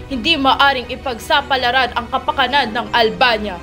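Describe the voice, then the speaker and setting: A woman's voice: high voice, fairly even intonation, normal speed, pushed and bright, soft background music. Woman playing a stern, doubting monarch, radio drama. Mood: wary. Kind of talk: old radio drama acting.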